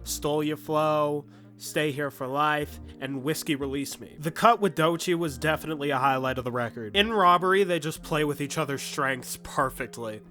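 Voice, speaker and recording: A man with a somewhat high, sharp voice reviews an album at normal speed from his bedroom, sounding slightly sick. He rambles casually, full of fillers and restarts, while music plays in the background.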